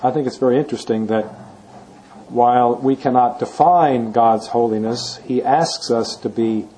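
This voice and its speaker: A man giving a measured theology lecture, reading scripture passages aloud and sometimes correcting himself mid-word. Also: medium pitch, warm tone, slight background noise, rough recording. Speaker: bible teacher.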